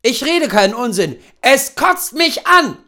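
A man's voice: high voice, lively intonation, normal speed, pitched above the performer's own voice. A man reading the part of a bitter, humiliated rich husband who snaps resentfully. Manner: sharp, resentful outbursts.

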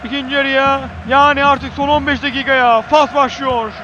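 A man commentates live football in a strikingly high, forceful voice. He fires off clipped phrases and repeats names emphatically, breaking into excited shouting at key moments. Faint noise sits behind him. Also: moderate pace, muffled recording, some chatter behind.

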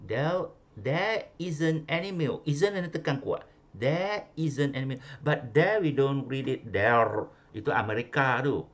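Expressive and a little slow, a medium-pitched man with a Malaysian accent leads an online English lesson on pronunciation. He repeats phrases, fixes the stress, and moves into Malay at times.

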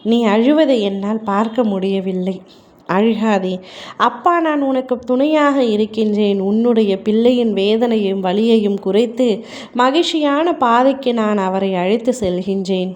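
Woman, devotional narrator, tender and earnest, soft warm tone, muffled low-fidelity recording. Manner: tender, consoling, slow and earnest. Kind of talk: devotional message in a deity's voice. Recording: dull lo-fi recording.

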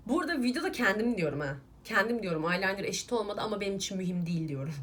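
A woman's voice: medium pitch, slight background noise. A young woman vlogger, casually ranting at viewers while doing her makeup, irritated and emphatic. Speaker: beauty vlogger.

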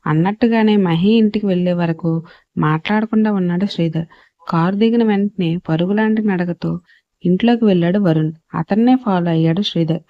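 Woman narrator for an audio serial, steady reading, dry lo-fi sound. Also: on the low side, no room sound. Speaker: storyteller. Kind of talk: scripted narration.

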